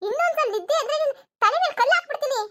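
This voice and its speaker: A woman's voice: very high voice, lively intonation, fast talker, noisy background. A woman voicing a bossy, scolding mother-in-law in a cartoon comedy, nagging and threatening. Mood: shrill.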